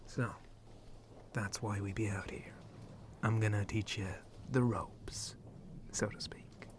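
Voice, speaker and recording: In an ASMR roleplay addressed to the listener, a man plays a flirty, roguish shark-man pirate captain, speaking in a breathy, often whispered voice with put-on pirate speech. His drawling talk is slow and teasing, broken by low chuckles, with fairly even intonation and an instructive, roguish mood.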